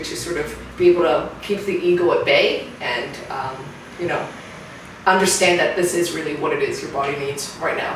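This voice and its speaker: A low-pitched, middle-aged woman from Singapore with a Canadian accent gives a casual interview testimonial as a fitness client. She is thoughtful and reflective, often restarting her sentences. She's recorded from a distance in a very echoey room, with steady background noise underneath.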